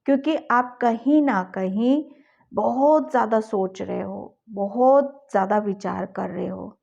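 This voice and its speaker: A woman's voice: medium pitch, takes it slowly, gravelly, a little mellow, highs cut off. A woman tarot reader talking to her viewers, coaxing and encouraging them, often closing a thought with a reassuring check-in. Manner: coaxing and encouraging, with a repeated ठीक है at the ends of thoughts. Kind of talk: addressing viewers in a tarot reading.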